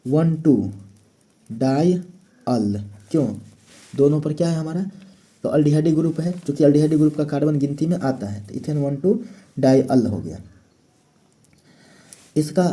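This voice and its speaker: In this classroom lecture, a man with a slightly high, mellow voice teaches chemistry step by step, asking questions and supplying the answers himself.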